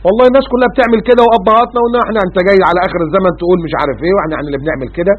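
A man with an Egyptian Arabic accent preaches at breakneck speed, his fairly high voice husky and rough. He pelts the listener with rhetorical questions and quotes scripture. The sound is thin and narrow, like a phone line. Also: very fast. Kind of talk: religious talk show sermon. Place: studio.

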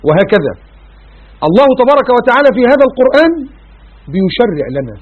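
Man, Egyptian accent, preacher, high voice, husky, rhetorical questions, chanted verses. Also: big pitch swings, quick pace. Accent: Egyptian Arabic. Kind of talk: Islamic sermon with Quran recitation. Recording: tinny phone-like lo-fi audio.

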